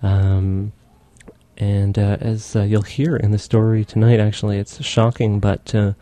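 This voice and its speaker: Low, mellow-voiced male radio host. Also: level tone. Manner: halting, many fillers. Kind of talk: hosted radio interview.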